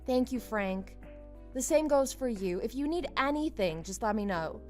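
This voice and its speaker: Actress as young female office worker, friendly, confiding, lively high-ish voice, story drama, music behind. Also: normal speed, lightly acted. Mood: grateful, warm. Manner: expressive, confiding.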